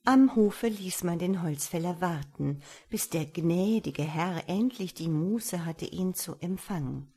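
A woman reads a fairy tale aloud in a calm, measured storytelling manner. Her voice sits slightly low and she takes her time over the phrases. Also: breathy edge.

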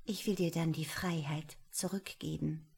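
A woman voicing a haughty young noblewoman in an audiobook, speaking softly and languidly, half in a whisper. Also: sits low, fairly even intonation, measured pace, gravelly, slightly rough, exaggerated voice. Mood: cool, menacing. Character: cold, aloof young noblewoman, haughty mistress. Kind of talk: audiobook character voice.

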